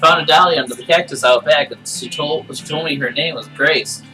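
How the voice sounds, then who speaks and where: A man's voice: a little high, a little fast, pitched above the performer's own voice, lightly acted. A man voicing a frightened young farm girl reading her diary, with simple, folksy childlike phrasing, in a game playthrough. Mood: naive, uneasy. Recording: distant mic, music behind.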